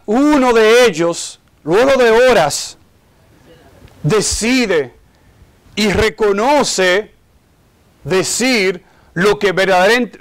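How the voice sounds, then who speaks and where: A man preaching a sermon as pastor of a church service, earnest, often checking in with his listeners and slowing down to stress key words. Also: sits high. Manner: earnest preaching, keeps asking listeners "¿verdad?".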